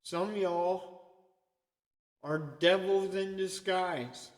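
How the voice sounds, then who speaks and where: A man's voice: high-pitched, drawn-out words. A man preaching an informal sermon in a conversational way, often checking in with "okay?". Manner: conversational, repeatedly asks "okay?". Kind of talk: informal sermon to an online group. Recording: echoey long reverb.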